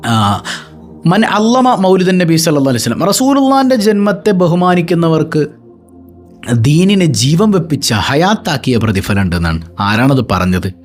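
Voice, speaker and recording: Animated woman giving an Islamic talk. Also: sits low, normal speed, soft background music. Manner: animated, often asks rhetorical check-in questions. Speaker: religious teacher. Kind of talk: Islamic class talk to listeners.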